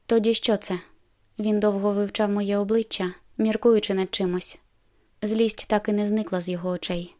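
A woman's voice: medium pitch, little pitch movement, moderate pace, warm tone. A woman narrating a novel in the first person, reading expressively and acting out the heroine's lines. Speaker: audiobook narrator.

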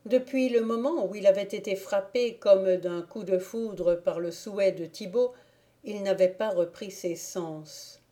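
A woman narrates a classic novel as an audiobook reader, her voice mellow and dark. She keeps a measured, even storytelling pace, at a middle pitch for a woman. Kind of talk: scripted literary narration.

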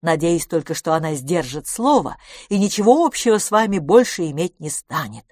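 A woman's voice: on the low side, expressive, fairly quick, darkish tone, no room sound. A woman plays a prim middle-aged spinster who speaks her mind bluntly. Her speech is forthright and lecturing. The recording is dry and close. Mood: stern.

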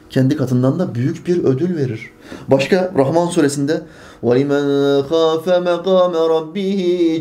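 A man's voice: on the high side, dark tone. A man preaching a sermon, emphatic and full of rhetorical questions to his congregation.

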